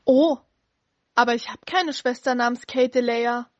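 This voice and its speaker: A man's voice: very high voice, unhurried, highs cut off, pitched above the performer's own voice. A man voicing a frightened young orphan girl who stammers and pleads anxiously in an audio story.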